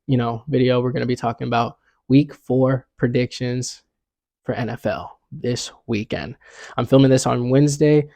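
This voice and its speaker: A young man runs through his sports picks in a relaxed, slang-heavy vlog chat. His voice is gravelly and mellow. The sound is dry and close. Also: mid-range voice, no echo. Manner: laid-back slangy, says "you know what I'm saying" a lot. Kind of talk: casual sports picks talk.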